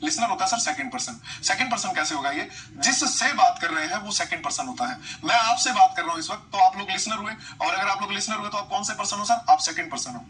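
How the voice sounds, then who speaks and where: Chatty male grammar teacher, bright voice. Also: high-pitched, animated, fast talker, far from the mic, a little hiss or hum, low-quality recording. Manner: chatty, repeats points, quizzes students, reads their comments. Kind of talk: live online class, explaining in Hindi.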